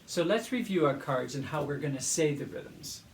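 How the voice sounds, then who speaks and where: A man teaching a primary school music lesson, explaining clearly and patiently and chanting rhythms aloud. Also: on the high side, lively intonation, normal speed. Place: classroom. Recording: echoey room, mic at a distance, faint noise.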